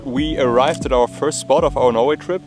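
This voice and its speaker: A man's voice: mid-range voice, normal speed, darkish tone, faint music behind. Hesitant man filming outdoors. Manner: hesitant on location, with many ums and restarts. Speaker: time-lapse photographer and vlogger. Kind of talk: travel vlog narration and on-location talk. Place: outdoors on rocky hillside.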